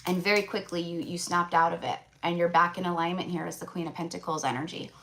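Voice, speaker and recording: A woman's voice: fairly low pitch, fairly even intonation, fast talker, a bit bright, rough recording. A woman hosting a live tarot reading in a casual, rambling way, repeating phrases for emphasis and often checking in with listeners. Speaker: tarot reader, livestream host.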